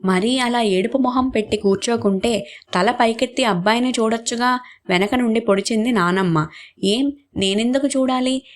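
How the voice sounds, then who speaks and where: A woman's voice: fairly high pitch, moderate pace. A woman telling a short story, narrating it aloud and acting out the family members' lines in quotes.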